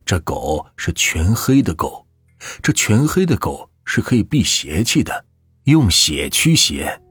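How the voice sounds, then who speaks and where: A man voicing an old village ceremony master who gives grave, slow advice. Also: sits low, sing-song, fairly bright tone, husky, dry recording, soft background music, full character voice. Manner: solemn, slow, advising.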